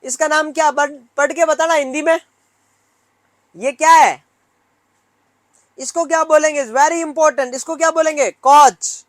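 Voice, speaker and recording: High-pitched teacher drilling nursing students. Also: male voice, steady tone, unhurried, pauses often, dry recording. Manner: drills students with repeated questions, scolds playfully; mixes Hindi with English terms. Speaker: nursing exam tutor. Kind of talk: classroom lecture.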